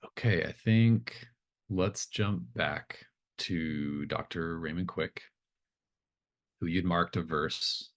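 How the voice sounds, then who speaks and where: A man serving as game master improvises narration for a tabletop game, sounding hesitant, thoughtful and informal. He speaks in a low voice at a slow pace.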